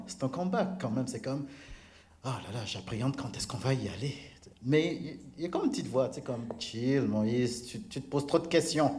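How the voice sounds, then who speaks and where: A man with a Québécois French accent shares a testimony in church at a medium pitch. He tells it casually and with energy, laughing as he goes and tripping over his words. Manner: animated storyteller, laughs often, stumbles and restarts. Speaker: church member giving testimony.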